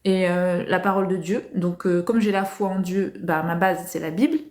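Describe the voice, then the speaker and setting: A woman hosting a casual livestream, answering viewers' comments calmly and hesitating with many fillers. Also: on the low side, moderate pace. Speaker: livestream host.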